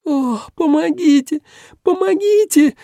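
A man voicing a young woman in peril, crying out for help in shrill, pleading cries in an audiobook. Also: slow, creaky, mellow, no room sound, clean studio sound, full character voice. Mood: desperate.

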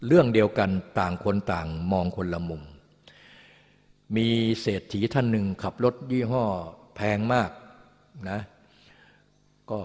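A man's voice: on the low side, unhurried, long pauses. Man giving a dharma talk in a reverberant hall. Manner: explanatory, sprinkles gentle tag particles. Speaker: Buddhist meditation teacher.

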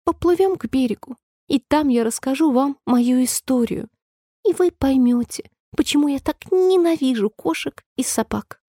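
A tiny touchy mouse squeaks very high and shrill, bristling with indignation, as a woman puts her on in a storybook reading. The voice has a soft, mellow edge, and the recording is close and dry. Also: normal speed, dry recording, lightly acted. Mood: shaky. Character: small frightened touchy female mouse.

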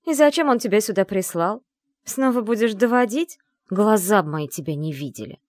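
A woman's voice: a little high, expressive, brisk, darkish tone, dry recording, clean studio sound, voice pushed up, natural voice. A woman playing a scornful spoiled young mistress.

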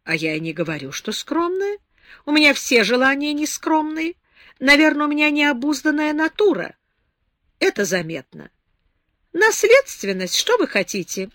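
A woman's voice: high-pitched, very animated, normal speed, a bit bright, dry recording, clean studio sound, pitched above the performer's own voice. A woman voicing a capricious, tipsy young woman in an audiobook, whimsical and dreamy. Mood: playful. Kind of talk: audiobook character reading.

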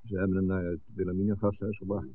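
In a 1960s radio drama with a thin, phone-like sound and slight background noise, an actor gives a lightly acted, quick, flat reading in a low voice. He plays a grave village man who reluctantly and hesitantly brings bad news, addressing the priest respectfully, and later turns indignant.

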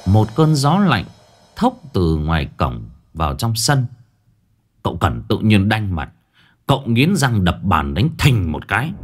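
Male ghost story narrator, low voice, lively telling. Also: a little slow. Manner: vivid, colloquial storytelling.

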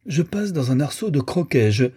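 A man's voice: very animated, normal speed, mellow, husky, full character voice. A man voicing a boastful, defiant small boy who yelps his lines in an audiobook. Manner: shrill yelping.

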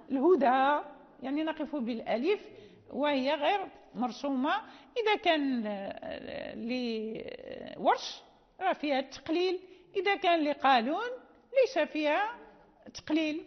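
High-voiced Moroccan woman teaching. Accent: Moroccan Arabic. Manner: patient, explanatory, checks in with students. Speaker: Quran recitation teacher. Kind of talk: classroom lecture. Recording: dull lo-fi sound with long hall reverb.

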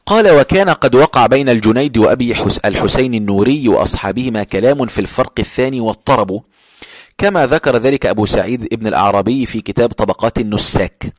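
A man's voice: mid-range voice, lively intonation, quick pace, dry recording. A man with an Egyptian Arabic accent, a sheikh teaching a classical text, reading passages formally and then explaining them in colloquial speech, with many stammered restarts.

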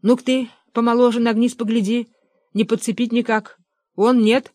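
Reader playing gruff hoarse father-in-law, audiobook, barked orders, dry close mic. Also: medium pitch, flat delivery, moderate pace, dry recording, voice pushed up, natural voice. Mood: bossy. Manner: hoarse, bossy shouting. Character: gruff older father-in-law, bossy hunter. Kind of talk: audiobook narration.

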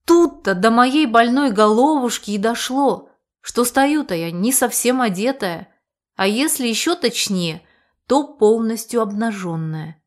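A woman narrating a first-person audiobook in a lively, wry, conversational way. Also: fairly high pitch, measured pace.

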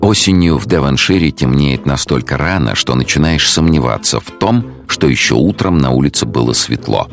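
A man narrating an audiobook detective story in an unhurried, expressive storytelling manner. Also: very deep voice, vocal fry, faint music behind. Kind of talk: scripted narration.

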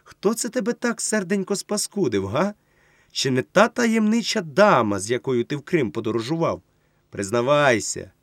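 A man reading an audiobook, voicing an exuberant tipsy friend who is effusive, coaxing and given to loud calling out. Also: on the high side, very animated, moderate pace, no room sound, studio quality, voice pushed up. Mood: teasing. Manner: gushing, coaxing, calls out loudly. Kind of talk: audiobook character voice.

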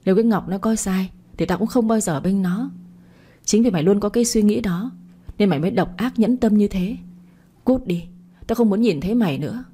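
A woman's voice: medium pitch, a little fast, warm tone, lightly acted. A woman voicing a furious betrayed old mother. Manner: harsh scolding, rough familiar address.

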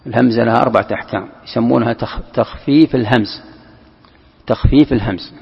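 A man with a gravelly, husky voice gives a patient religious lesson, repeating each key term and restarting words as he explains. The sound is muffled and lo-fi, and a long hall echo trails each phrase. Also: medium pitch, quick pace. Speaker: sheikh teaching Quran commentary. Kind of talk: classroom lesson explaining a text.

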